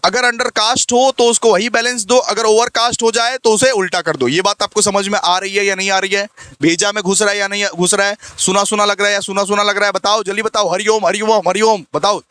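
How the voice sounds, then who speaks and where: A man's voice: sits high, flat delivery, quick pace, bright, forceful tone, clean tone, dry recording. A man teaching a lecture in a playful, teasing way, repeating key lines in a sing-song and answering his own questions. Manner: repetitive, teasing, sing-song call-and-response with himself.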